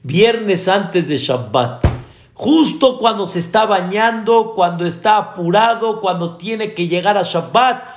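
Slow, animated rabbi in an echoing room. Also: male voice, sits high, faint music behind. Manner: animated storytelling, asks listeners rhetorical questions. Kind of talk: sermon. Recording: echoey room.

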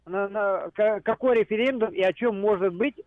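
Radio caller guy, really high pitch, stammery, thin phone sound. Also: a crowd in the background. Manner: halting, stammering over words. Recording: tinny narrow phone line.

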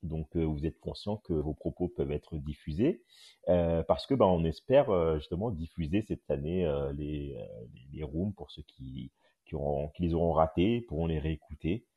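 A man's voice: a bass voice, moderate pace, breathy edge, lo-fi sound. A man hosting a casual live podcast room as a journalist, talking with lots of hesitant filler sounds over a phone mic on an audio app. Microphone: phone on an audio chat app.

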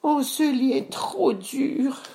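A man voicing a curious, sleepy little girl in a storybook reading, in a high, drawn-out voice. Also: gravelly, warm tone, full character voice. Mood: childlike.

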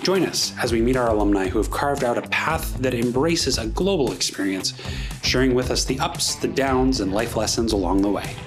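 A man's voice: medium pitch, expressive, normal speed. A man reading a scripted introduction as the host of an alumni interview series. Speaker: narrator host. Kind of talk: scripted narration. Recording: voice-over with music bed.

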